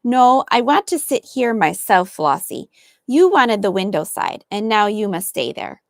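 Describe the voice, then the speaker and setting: Young boy twin, eager, stubborn; voiced by a woman in a storybook, slightly gravelly. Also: medium pitch, animated, a little slow, dry recording, studio quality. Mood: insistent.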